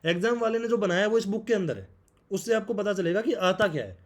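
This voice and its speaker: A young man rattles off exam advice at a quick clip in a slightly high voice. He talks casually and like a big brother, hammering the same points again and again. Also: animated. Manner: brotherly, repeats points, says bhai often. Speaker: exam prep vlogger.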